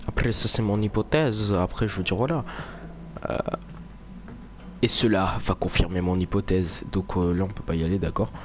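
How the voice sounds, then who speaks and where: Crude horror game streamer, low voice. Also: male voice, moderate pace. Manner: jokey, crude, rambling, swearing. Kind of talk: casual let's play commentary. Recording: noisy home game recording. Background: horror game ambience.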